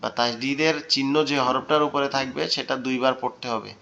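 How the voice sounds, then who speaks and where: A man teaching an online Quran class, drawing out Arabic words slowly and quizzing his students. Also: medium pitch, fairly even intonation, gravelly, bright, forceful tone, lo-fi sound. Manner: slow, drawn-out pronunciation of Arabic words, asks students questions. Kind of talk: online Quran recitation lesson. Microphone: video call.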